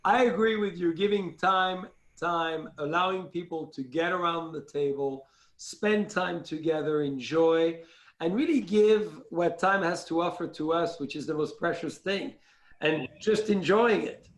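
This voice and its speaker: A man hosting a live stream, speaking in an effusive, gracious way, with roomy audio. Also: a little high. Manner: effusive, gracious, slow deliberate questions. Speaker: host.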